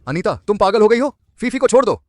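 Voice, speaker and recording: A scornful, cheating husband. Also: male voice, on the high side, sing-song, fairly quick, no room sound, studio quality. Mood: agitated. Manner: scornful and agitated. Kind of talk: Hindi dub of a drama.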